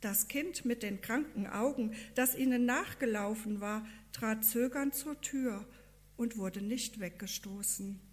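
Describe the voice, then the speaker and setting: A woman reads a devotional story aloud, calm and earnest. Her pace is slow and measured, her voice sits fairly high, and every sentence is carefully laid out.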